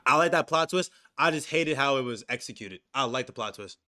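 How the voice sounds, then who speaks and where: Bright and forceful in tone, this young stream co-host talks fairly quickly at medium pitch with lively intonation. On the casual anime discussion stream he stays loose and profane, reads chat messages out loud, and keeps restarting sentences.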